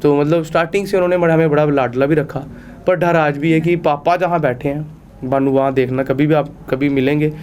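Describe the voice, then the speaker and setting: Young man, podcast guest, rambling storyteller, laughs often, fairly high voice, faint studio hiss. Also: steady tone, a little fast, darkish tone. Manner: rambling, filler-heavy storytelling with frequent laughs. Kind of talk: casual storytelling interview.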